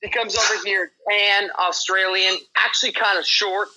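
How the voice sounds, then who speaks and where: A man's voice: sits high, fairly even intonation, moderate pace, sharp tone, rough recording. A man in casual, slangy banter on a gaming stream, talking things up like a hype man.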